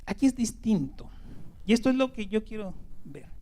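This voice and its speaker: A pastor with a notably high voice preaches a sermon. His delivery swings from loud, stressed phrases to near-whispers. He often repeats himself and checks in with the congregation with "¿verdad?". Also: very animated, normal speed. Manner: swings between loud emphasis and hushed whispers; repeats words and tags lines with "¿verdad?".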